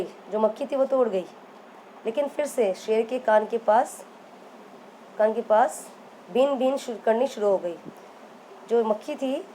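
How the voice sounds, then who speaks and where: A woman's voice: on the high side, warm tone, slight background noise, poor audio. A woman teacher telling a story to young children, repeating lines and asking them questions as she goes. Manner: repeats and quizzes the listeners.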